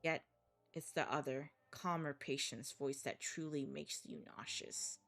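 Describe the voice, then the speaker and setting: A woman's voice: sits low, steady tone, unhurried, vocal fry, fairly bright tone, soft background music. A woman streamer dramatically reading a text game aloud, stumbling now and then and reacting bluntly.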